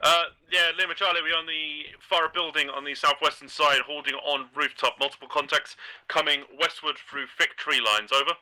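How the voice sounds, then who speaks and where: A man's voice: on the high side, fairly even intonation, normal speed, sharp tone, low-quality recording. A man in gaming voice chat making clipped, procedural military-style callouts and contact reports. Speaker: player giving contact reports.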